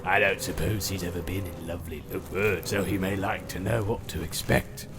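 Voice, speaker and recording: A man voicing a crafty, sneering male orc captain with a rough, jeering voice. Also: low voice, steady tone, moderate pace, background noise, pitched below the performer's own voice, lightly acted.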